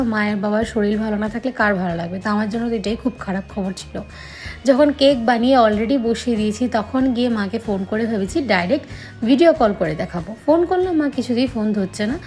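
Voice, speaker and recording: A chatty young woman speaks to her viewers in a casual home vlog. Her voice sits a little above average in pitch. She talks in an easygoing, explaining way. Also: darkish tone. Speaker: vlogger. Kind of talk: casual vlog chat to camera. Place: home indoors.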